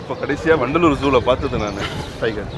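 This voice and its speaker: A man's voice: mid-range voice, fairly quick, background noise. A Tamil man chatting casually outdoors, switching between Tamil and English as he goes. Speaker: vlog companion. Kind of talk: casual chat. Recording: distant mic, loud music bed.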